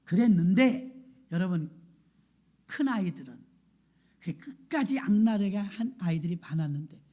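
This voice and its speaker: Mellow-voiced woman pastor telling a story. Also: fairly low pitch, animated, moderate pace. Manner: storytelling, acting out the people in the story. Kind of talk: sermon.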